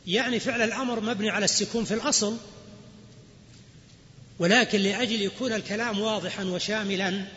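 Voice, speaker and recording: A man's voice: high-pitched, steady tone, quick pace, long pauses, a bit bright. A man teaching grammar as a classroom lecture, explaining rules and then quizzing his students. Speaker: Islamic scholar teaching grammar. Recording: lo-fi recording with long hall reverb.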